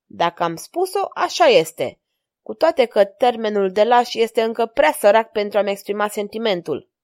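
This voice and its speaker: An elegant masked lady with a cool, ironic edge and quiet passion underneath, as a woman reader voices her in a storybook reading. The voice sits close and dry, with no room sound around it. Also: medium pitch, animated, no echo, lightly acted.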